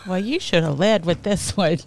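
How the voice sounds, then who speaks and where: A man's voice: sits high, normal speed, creaky, a little hiss or hum, rough recording. A man co-hosting a podcast, reacting to stories with short remarks and laughter. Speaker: guest co-host. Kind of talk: casual comedic chat.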